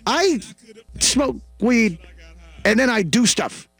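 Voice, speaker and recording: A male comedy co-host rambles through casual, slangy banter. His voice is notably high for a man, and the sound is close and dry. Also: big pitch swings, slow, vocal fry, a bit bright, slightly rough, no room sound, faint music behind.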